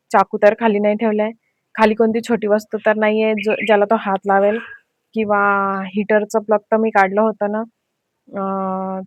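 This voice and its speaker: A young woman vlogger telling a frightening personal story in a casual, anxious way, with many fillers and pauses. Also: medium pitch, no room sound, highs cut off.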